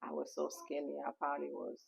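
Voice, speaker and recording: Gravelly-voiced woman from Haiti. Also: low voice, a little fast, a little mellow. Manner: reflective, storytelling with frequent fillers. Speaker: guest, memoir author. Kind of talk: casual interview conversation. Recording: dull lo-fi recording.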